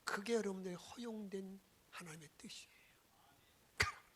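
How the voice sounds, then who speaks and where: Animated husky woman preaching. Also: medium pitch, a little slow. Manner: dramatic storytelling, acting out quotes, dropping to whispers. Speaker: pastor. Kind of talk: Sunday morning sermon.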